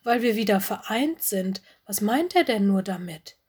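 A woman's voice: mid-range voice, lively intonation, normal speed, darkish tone, breathy edge. A woman doing a curious, eager young wildcat girl. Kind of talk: storybook reading.

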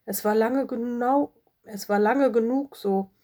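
A woman voicing a gentle, caring fox who runs a forest school in a storybook reading. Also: on the high side, measured pace, lightly acted. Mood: worried. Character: fox headmistress, kind and caring.

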